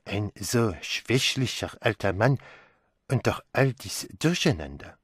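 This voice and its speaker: A man voicing a fussy older male detective who muses slowly and lingers on his words. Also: fairly low pitch, expressive, husky, dry recording, clean studio sound. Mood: puzzled. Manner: slow, musing, lingering on words.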